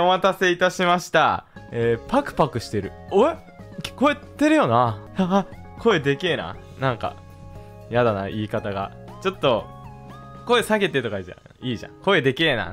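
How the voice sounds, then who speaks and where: High, animated man shouting over a game. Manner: shouting, animated gaming reactions. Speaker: streamer. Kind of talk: excited game commentary.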